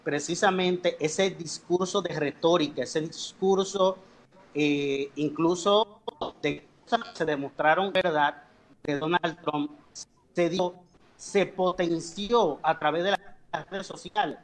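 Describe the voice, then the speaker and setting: A man's voice: fairly high pitch, takes it slowly, rough recording. A man speaking as a guest political analyst in a remote TV interview, his audio glitching and breaking up over the video link as he explains with frequent fillers. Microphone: video call link.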